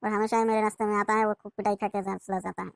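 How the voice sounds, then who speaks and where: A woman's voice: medium pitch, little pitch movement, rapid-fire, gravelly, no room sound, close to an everyday voice. A woman voicing a boastful young schoolboy in a cartoon who brags about fighting lions. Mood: bragging. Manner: bragging, swaggering. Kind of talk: cartoon voice acting.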